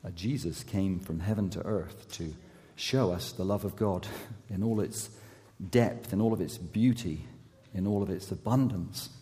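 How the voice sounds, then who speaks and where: In a church sanctuary with long hall reverb, a low-voiced associate youth pastor preaches a sermon while losing his voice. Going hoarse, he speaks haltingly, with many fillers and restarts, and uses gentle self-deprecating humor.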